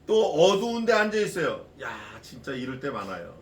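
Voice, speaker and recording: A middle-aged man, a pastor, delivering an expository sermon in a folksy, animated way, often tossing questions out to the congregation. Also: fairly high pitch, moderate pace. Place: church sanctuary. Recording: echoey church from a distance.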